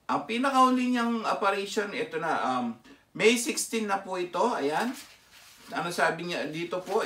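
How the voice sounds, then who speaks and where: A man's voice: on the high side, fairly bright tone. A man with a Filipino accent preaching a sermon, emphatic and always putting rhetorical questions to his listeners. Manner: emphatic, keeps asking the audience rhetorical questions. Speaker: lay preacher. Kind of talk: Taglish sermon commentary. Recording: echoey room, mic set far off.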